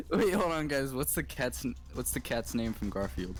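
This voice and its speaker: Brief: playful man co-hosting a podcast, very lively pitch. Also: low-quality recording. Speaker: podcast co-host. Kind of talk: casual chat.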